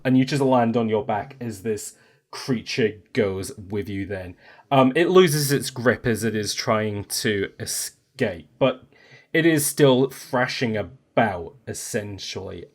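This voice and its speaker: Man, game master, very animated pitch, casual improvised narration, tabletop role-playing.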